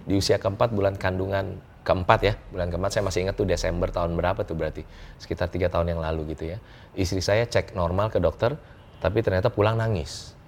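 Lively middle-aged man telling a story. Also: sits low, quick pace, vocal fry, a little hiss or hum. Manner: animated, laughs often, acts out dialogue. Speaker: guest. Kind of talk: personal storytelling in an interview.

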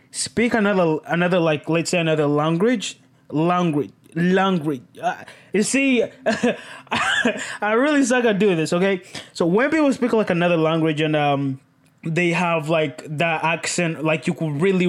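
A man hosting a podcast in casual chat, rambling and animated, laughing at himself and tagging his lines with "okay?". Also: a little high. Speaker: podcast host.

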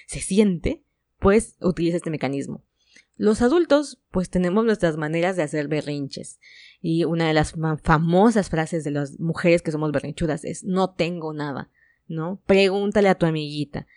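A woman's voice: fairly low pitch, mellow, no echo, clean studio sound. A woman from Mexico with a Mexican Spanish accent, hosting a relationship advice podcast in a chatty, frank way with playful asides. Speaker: podcast host.

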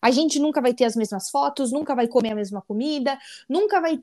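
Woman podcast host, high voice, casual and encouraging interviewer. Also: animated, a little fast, darkish tone.

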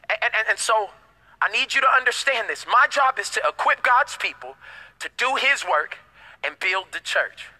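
A man's voice: high-pitched, lively intonation, unhurried, pauses often, pushed and bright, rough recording. A man preaching a sermon as pastor, emphatic, with call-and-response and casual slangy asides.

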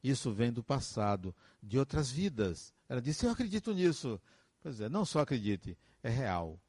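A man's voice: mid-range voice, animated, moderate pace, a little mellow, slightly rough, dry recording. A man, speaking as a counselor in a reflective, earnest monologue full of advice and emphatic repetitions.

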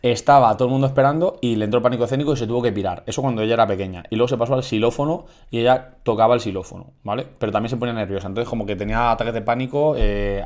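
A man from Spain, co-hosting a casual comedy podcast and telling a story with lively quoted voices. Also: lowish voice. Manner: animated, acts out quotes of others. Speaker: podcast co-host.

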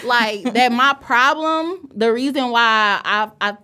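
A woman's voice: on the high side, takes it slowly, pushed and bright. A woman, chatting loosely and profanely with friends, laughing often. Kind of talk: casual podcast chat.

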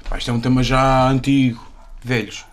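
A young man with a European Portuguese accent co-hosting a casual podcast, who tells stories in an animated, ranting way. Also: mid-range voice, fairly quick, a little hiss or hum. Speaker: podcast co-host.

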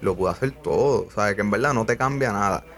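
Young podcast host, low-pitched, earnest and casual, swears freely. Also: male voice, brisk, soft background music. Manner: earnest, peppers speech with swearing and "papi". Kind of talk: casual conversation.

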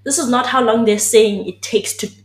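A woman's voice: a little high, moderate pace. Earnest woman in casual chat, roomy sound. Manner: earnest, emphatic, talks through ideas at length.

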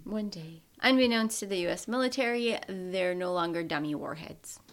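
A woman's voice: on the low side, moderate pace. A woman co-hosting a podcast, recapping a film plot in casual chat with wry asides. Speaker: podcast co-host.

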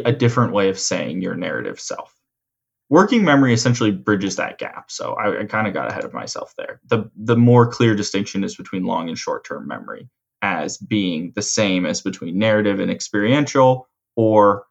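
Low-voiced man explaining ideas, slightly muffled. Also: creaky. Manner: measured, explanatory, rephrases points. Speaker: host and coach explaining mental frameworks. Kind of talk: conversational explanatory coaching.

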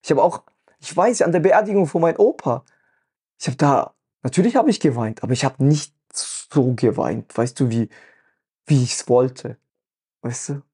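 With a mellow, husky voice of medium pitch and a moderate pace, a male podcast host shares a heartfelt personal story. He sounds earnest and emotional, frequently checks in with the listener, and leans heavily on the filler "weißt du."

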